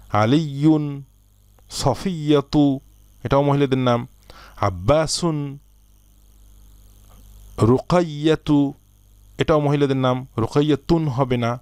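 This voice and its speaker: A man teaching an Arabic lesson, slowly reading out word lists and asking learners to answer. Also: a little high, smooth, no room sound, studio quality. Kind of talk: recorded language lesson.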